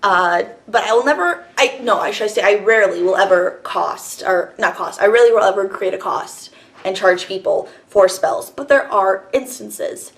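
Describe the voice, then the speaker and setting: Breathless woman with vocal fry. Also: mid-range voice, moderate pace. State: out of breath after a workout. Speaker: host. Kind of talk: casual monologue vlog.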